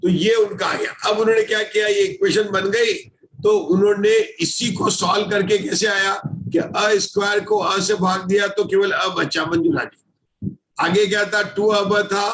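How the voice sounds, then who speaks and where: A man's voice: sits high, flat delivery, a little slow, a bit bright, reverberant, slight background noise, low-quality recording. A man teaching an online scripture class, patiently explaining formulas step by step and checking often that everyone follows.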